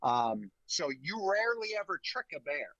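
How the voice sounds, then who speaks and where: A man guesting on a podcast, telling stories casually in an animated, emphatic way, often repeating words. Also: a little high, moderate pace, no echo, lo-fi sound. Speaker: guest, bear hunting guide. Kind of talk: casual storytelling.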